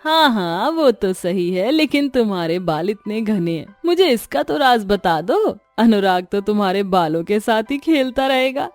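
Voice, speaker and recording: A woman voicing a gossipy, flattering neighbor who pries into a bride's secrets in an animated storybook. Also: medium pitch, unhurried, hardly any pauses, no room sound, faint music behind, natural voice. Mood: prying. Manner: flattering, prying.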